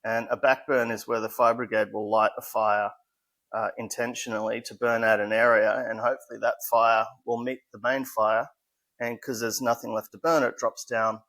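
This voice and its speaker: As a modest guest in a casual interview, this Australian man in his forties, a fire safety specialist, speaks in a mid-range, slightly bright voice with little pitch movement and moderate pace. His explanations are plain, broken by a few hesitant restarts.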